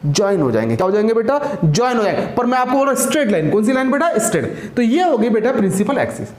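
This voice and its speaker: High-pitched teacher, echoey room. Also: male voice, big pitch swings, very fast, darkish tone. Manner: keeps asking and repeating, calls students beta. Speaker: school science teacher. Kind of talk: classroom lecture.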